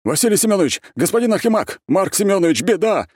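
A man voicing frantic male prison guards shouting for help. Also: sits high, sing-song, fast, husky, dry recording, clean studio sound, voice pushed up, exaggerated voice.

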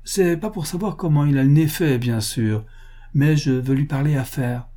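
A man's voice: a little high, normal speed, warm tone, pitched above the performer's own voice, lightly acted. A man reading the part of a crude, greedy rich upstart with a blunt, boastful way of talking. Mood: blustering.

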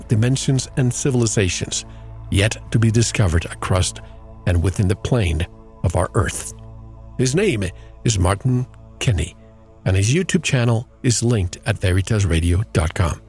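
A man hosting a radio talk show with a somewhat low voice. He speaks in a measured, earnest manner. Soft music plays faintly behind him.

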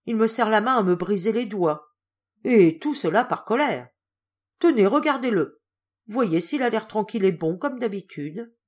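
A woman voicing a cheerful, talkative young girl in an audiobook, speaking in a higher, lively voice. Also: normal speed, lightly acted. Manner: lively, chattering, high-pitched. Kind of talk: audiobook character reading.

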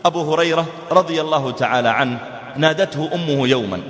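A man's voice: fairly high pitch, fast, fairly bright tone. A man preaching a sermon, telling stories and acting out the dialogue dramatically with big swings in his voice. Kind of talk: sermon storytelling. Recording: echoey hall.

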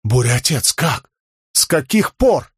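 A man's voice: mid-range voice, big pitch swings, takes it slowly, fairly bright tone, breathy edge, no echo, clean studio sound, voice pushed up, heavily acted. A man voicing a raging middle-aged noble father who roars and blusters. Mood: furious. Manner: roaring, blustering.

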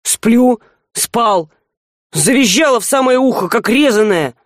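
A woman reading an audiobook voices a surly, rude young man in a lowered, drawling, sneering tone. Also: animated, a little slow, no room sound, clean studio sound. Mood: mocking.

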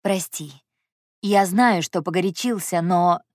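A woman's voice: on the low side, normal speed, a little mellow, dry recording, studio quality, natural voice. A woman reading an audiobook and voicing a stern, jealous young man who speaks in a clipped, commanding way. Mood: guilty.

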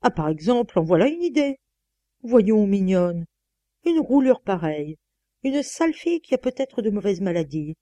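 Blustering bourgeois husband from a storybook audiobook, read by a woman, exclamatory, mellow dark tone, dry close sound. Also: medium pitch, sing-song, normal speed, no room sound, natural voice. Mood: blustering denial. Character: indignant middle-aged bourgeois husband blustering denials.

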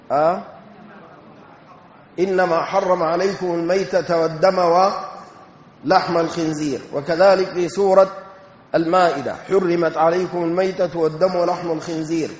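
A man giving a Quran exegesis lesson, explaining slowly and deliberately and reciting verses. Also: sits high. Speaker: Quran tafsir teacher. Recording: echoey hall, dull lo-fi sound.

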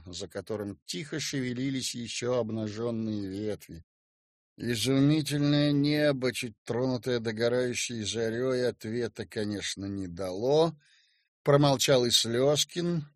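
A man reading a story aloud at a measured, steady pace. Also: medium pitch, dry recording, clean studio sound. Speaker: narrator.

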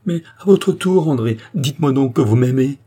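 A man's voice: mid-range voice, normal speed, dark tone, husky, voice pushed up. A man voicing an ardent young nobleman declaring his love in an audiobook, tender and insistent. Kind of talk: audiobook reading of a novel.

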